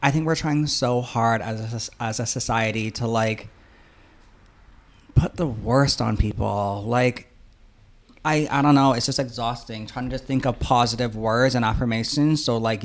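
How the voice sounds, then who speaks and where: A man's voice: mid-range voice, fairly even intonation, moderate pace. A man with a lisp and slushy, whistling s sounds, talking casually and earnestly as a podcast co-host. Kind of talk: casual, rambling discussion.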